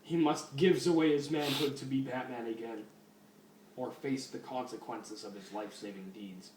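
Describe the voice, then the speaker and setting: A man's voice: medium pitch, moderate pace, a little mellow. A man giving a mock-dramatic comic reading of a fan story and breaking off for sarcastic asides. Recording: roomy, distant mic, faint noise.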